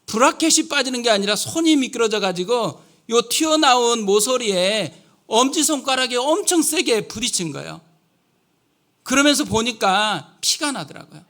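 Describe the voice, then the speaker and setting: A man with a high, bright, ringing voice preaching in a church. He tells a personal story vividly and keeps turning to the congregation with questions. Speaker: guest pastor. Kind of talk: sermon. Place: church sanctuary.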